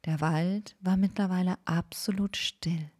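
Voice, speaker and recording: A woman telling a bedtime story in a soft, partly whispered, calm voice. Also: lowish voice. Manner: slow, hushed, calm.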